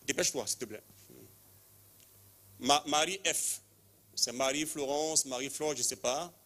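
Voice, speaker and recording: Man, lay preacher, commanding, repetitive, mid-pitched voice. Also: unhurried, fairly bright tone. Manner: commanding, repeats short phrases, calls people forward, leads call-and-response prayer. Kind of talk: charismatic healing service, prophetic calling.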